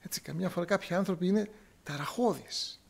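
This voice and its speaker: A man's voice: high-pitched, gravelly, slightly rough. A male priest giving a sermon in church, explaining scripture word by word and repeating key phrases to drive them home.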